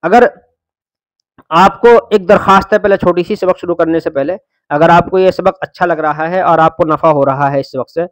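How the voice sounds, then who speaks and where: A man's voice: fairly high pitch, dry recording. A man teaching a Quran reading lesson, patiently explaining rules and drawing out syllables as he spells them.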